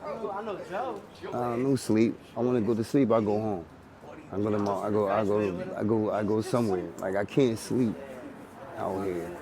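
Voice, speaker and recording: Interviewed outdoors on a busy city street with passersby and crowd noise, a Philadelphia man in his forties talks casually in street slang. His voice is lowish and measured with frequent pauses, and he often repeats himself and restarts sentences.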